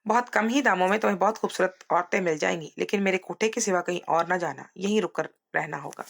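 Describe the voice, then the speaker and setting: A woman's voice: on the low side, fast, gravelly. A woman voicing a pushy older brothel keeper in a spoken story.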